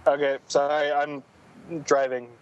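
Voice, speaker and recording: A man's voice: a little high, level tone, measured pace. A man phoning in from a car speakerphone while driving, his signal dropping in and out, chatting casually and trailing off mid-sentence as a podcast contributor. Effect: phone call on a car speakerphone while driving. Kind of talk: casual chat. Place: in a moving car.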